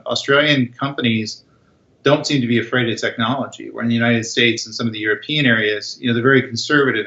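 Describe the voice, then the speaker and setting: A man's voice: medium pitch, bright, forceful tone, dull audio. A man speaking as a guest expert in a podcast interview, talking confidently and with emphasis.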